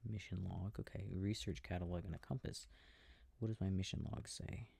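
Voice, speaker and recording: Playing a sweet, easily bewildered boyfriend for a sleep-aid roleplay, a male performer mumbles casually and haltingly to himself while gaming, controller clicks audible behind him. His deep, gravelly, husky voice is heavily acted, fairly even in intonation and a little fast, recorded close and dry without echo. The mood is puzzled and absorbed.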